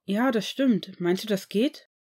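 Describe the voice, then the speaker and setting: A shy teenage boy wizard, read by a woman in a fan-made audiobook. He speaks in a hesitant, halting way and sounds a little embarrassed. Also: mid-range voice, a little mellow, slightly rough.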